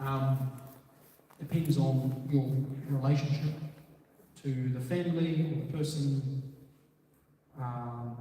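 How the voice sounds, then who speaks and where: Man police officer answering questions in an echoey hall. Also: mid-range voice. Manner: relaxed conversational, many fillers. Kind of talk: community talk and Q&A. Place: community meeting room. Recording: echoey hall, voice from far off, faint noise.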